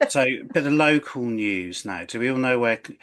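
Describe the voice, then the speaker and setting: A man's voice: medium pitch, animated, moderate pace, a bit bright. A man co-hosting a casual podcast, reading local news items in a jokey way. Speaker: podcast co-host.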